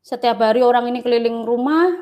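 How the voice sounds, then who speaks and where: A woman's voice: a little high, fast talker, a little mellow. A woman telling her life story as an interview guest, in an earnest, repetitive way, often turning to address the interviewer. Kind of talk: personal testimony.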